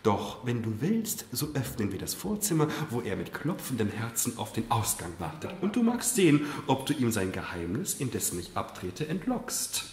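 A man's voice: medium pitch, huge pitch swings, normal speed, hardly any pauses, a little hiss or hum. A man voicing an older noblewoman, an emotional and contrite mother, in an earnest, impassioned dramatic literary reading. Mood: secretive, earnest. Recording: roomy live reading hall.

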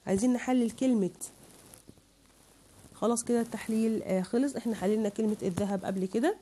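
A woman's voice: on the high side, fast talker, mellow. A woman with an Egyptian accent teaching a children's lesson online, patiently breaking words into syllables for her pupils. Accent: Egyptian Arabic.

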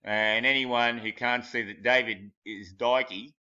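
Scornful man, bright lo-fi voice. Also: mid-range voice, steady tone, measured pace, clear, resonant tone. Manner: mocking, scornful, laughs at his own jokes; crude and blunt. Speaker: conspiracy video commentator. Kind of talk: rambling commentary over pictures. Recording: dull lo-fi home recording.

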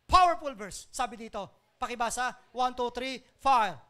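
Lively pastor preaching from the Philippines. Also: mid-range voice, normal speed, clean tone. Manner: lively preaching that swings between soft asides and loud declarations; mixes English phrases into the talk. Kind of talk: sermon.

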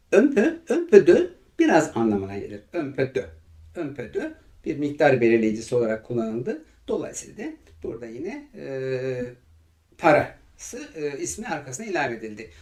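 A man teaching French vocabulary in Turkish, with a Turkish accent, who repeats each example phrase slowly and carefully. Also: medium pitch, darkish tone. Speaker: language teacher.

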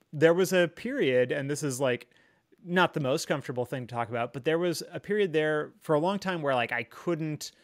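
In candid podcast conversation, a male guest with a medium-pitched, fairly bright voice tells a personal story. He comes across as earnest and reflective, rambling along with many fillers like "like" and "you know."

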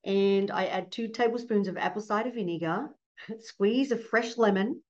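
This fertility doctor, a middle-aged Australian woman, joins a casual video-call interview from her home office, talking at normal speed in a medium-pitched voice. Warm and earnest, she laughs frequently while explaining. Her laptop webcam mic makes the line dull and lo-fi.

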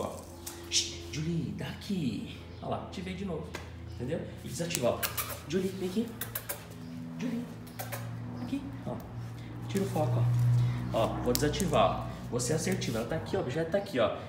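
A man, a dog trainer demonstrating with his dog, pointing things out to viewers between commands. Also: a little high. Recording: echoey room with background noise and a dog.

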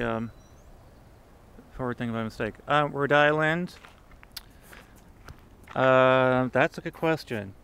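A man's voice: mid-range voice, creaky, fairly bright tone, smooth. A man behind the camera chatting casually, asking short, curious questions. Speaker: camera operator. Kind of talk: casual chat. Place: outdoor garden. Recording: outdoor noise on camera mic.

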